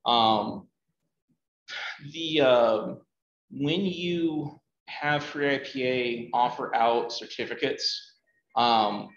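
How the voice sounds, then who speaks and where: A man speaking at a meetup, answering audience questions in a relaxed, hesitant way with many ums and uhs. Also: medium pitch. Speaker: conference speaker. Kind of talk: conversational Q&A talk. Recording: roomy, dull, faint noise.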